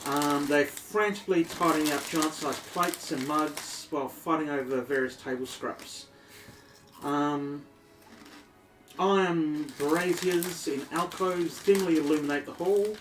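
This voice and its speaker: A man's voice: on the high side, unhurried. A man with an Australian accent narrating a tabletop game as dungeon master, descriptive with many ums. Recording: echoey room, distant mic, faint noise.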